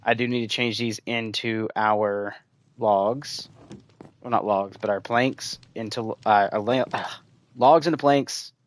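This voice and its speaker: Low-voiced man chatting while gaming. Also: steady tone, slow pace. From United States. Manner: rambling, chatty, addresses viewers as guys. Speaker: gaming streamer. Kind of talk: casual gameplay commentary.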